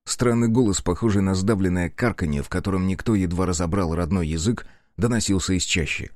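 Reading a scripted audiobook, a low-voiced man tells the story in a steady, measured way. The sound is clean studio audio with no room sound.

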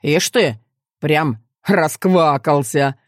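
A woman voicing a blunt, cheerful young male athlete who teases in a deadpan, rough way. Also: deep voice, very slow, dry recording, clean studio sound, exaggerated voice. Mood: teasing.

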